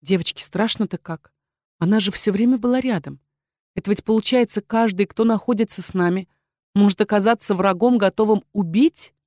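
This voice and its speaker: A woman's voice: medium pitch, fairly quick, warm tone, no room sound, studio quality, natural voice. A woman reading an audiobook, voicing a nervous, prim young woman student who fires off anxious questions. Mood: frightened. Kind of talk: audiobook character voice.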